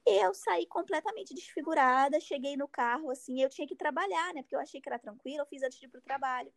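A woman in her thirties casually telling a personal story in an animated way, acting out her own cries and other people's words. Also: high voice, fast, vocal fry, no echo, clean studio sound. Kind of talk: casual chat.

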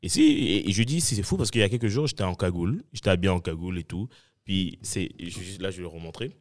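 A man's voice: low-pitched, fast. A young adult man, a podcast guest, telling a story in casual chat and acting out the voices of other people.

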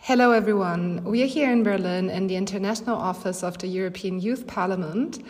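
A woman's voice: mid-range voice, brisk, a little mellow. A woman hosting a podcast, opening the episode with a friendly, welcoming introduction. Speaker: podcast host. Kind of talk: podcast interview. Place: office in Berlin. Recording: reverberant room.

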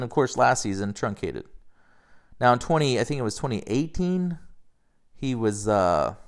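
A man's voice: lowish voice, gravelly. Rambling, profane man talking baseball. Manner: rambling, profane, gets worked up. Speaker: podcast host. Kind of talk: casual sports chat.

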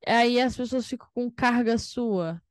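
A woman's voice: on the high side, measured pace, no echo, clean studio sound. A woman hosting a casual interview, talking in a supportive, conversational way. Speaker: host, teacher.

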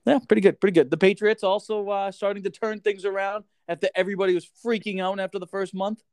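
A man's voice: high voice, little pitch movement, fast, a little mellow, clean tone, no echo, studio quality. A man co-hosting a casual podcast, swearing freely and acting out quotes as he tells stories. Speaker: podcast co-host.

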